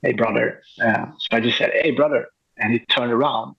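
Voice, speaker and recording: Gravelly man, husky and halting. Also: medium pitch, fairly even intonation, dull audio. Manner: enthusiastic, halting with frequent restarts. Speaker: street photographer guest. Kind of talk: casual interview chat.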